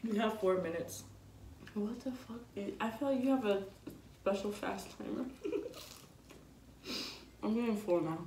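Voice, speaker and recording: A woman's voice: mid-range voice, a little slow, long pauses, dark tone. Giggly young woman, far off in an echoey room. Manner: joking, laughs a lot, talks with food in her mouth. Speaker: vlogger. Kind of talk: casual chat during an eating challenge. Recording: echoey room, distant mic, faint noise.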